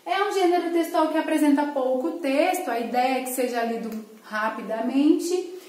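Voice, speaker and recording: Brief: woman schoolteacher, high voice, patient and clear, echoey room. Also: moderate pace, a little mellow. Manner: clear, patient, explanatory, frequent "tá?" check-ins. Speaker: teacher. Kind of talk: recorded online lesson for children.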